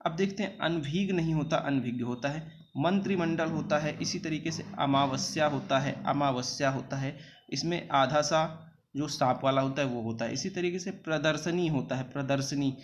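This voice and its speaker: A man's voice: fairly high pitch, lo-fi sound, a little hiss or hum. Patient spelling teacher, man. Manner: patient, repeats each word slowly and spells it out. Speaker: exam coaching teacher. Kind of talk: spelling lesson over written slides.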